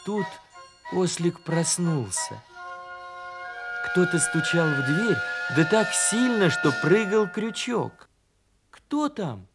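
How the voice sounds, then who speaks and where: Slow, gentle man reading a fairy tale. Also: sits high, animated, loud music behind the voice. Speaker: storyteller.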